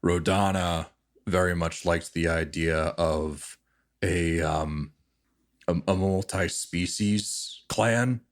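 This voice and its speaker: A man with a low voice acts as game master of a tabletop role-playing game. He explains the world in an improvised, halting way, feeling out his phrases as he goes. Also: steady tone.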